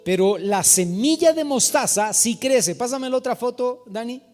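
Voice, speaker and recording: A man preaching a sermon as pastor, animated and calling his listeners brother. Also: extremely high pitch, normal speed. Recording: reverberant hall with soft music.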